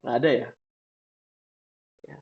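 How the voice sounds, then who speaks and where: A man teaching a class, asking questions slowly and tagging many lines with "ya". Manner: drawn-out questioning, frequent "ya" tags. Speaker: Arabic teacher. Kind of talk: classroom lesson. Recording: dull lo-fi recording.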